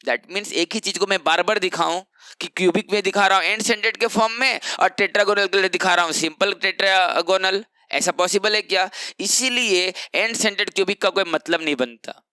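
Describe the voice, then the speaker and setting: Bright-voiced male chemistry teacher. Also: high voice, a little fast, clean tone, dry recording. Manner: explains step by step, asking rhetorical questions and answering them himself. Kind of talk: online exam-prep lecture.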